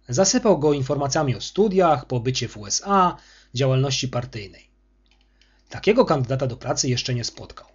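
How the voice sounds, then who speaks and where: A man reading a story aloud as narrator, in an expressive storytelling manner. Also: fairly high pitch, breathy edge, dull audio. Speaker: audiobook reader.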